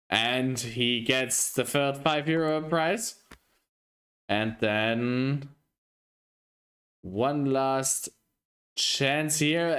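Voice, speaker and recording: A man with a hosts a live sim racing broadcast. He speaks at an unhurried, drawn-out pace in a middle pitch, jokey and self-deprecating. His commentary is casual and friendly. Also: a bit bright. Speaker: race commentator and stream host.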